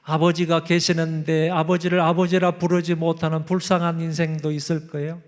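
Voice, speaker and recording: High-voiced preacher calling out emphatically. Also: male voice, flat delivery, brisk. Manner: emphatic, calls out and repeats phrases. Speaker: pastor. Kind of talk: revival sermon. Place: church.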